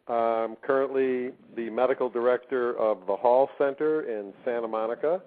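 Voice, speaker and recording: A man, a doctor and medical director, speaking on a radio interview with an enthusiastic, slightly halting manner. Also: medium pitch. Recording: tinny phone-like radio audio.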